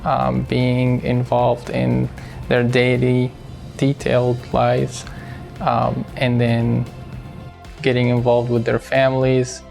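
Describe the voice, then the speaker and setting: A man from Syria, a cardiologist speaking in a hospital profile interview, measured and halting with many fillers. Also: mid-range voice, monotone, creaky, darkish tone, faint music behind.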